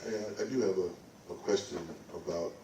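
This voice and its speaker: A man hosting an onstage interview, asking questions haltingly with many fillers. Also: low voice, background noise. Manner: hesitant, filler-heavy questioning. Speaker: host and pianist. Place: recital hall. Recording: echoey hall, far from mic.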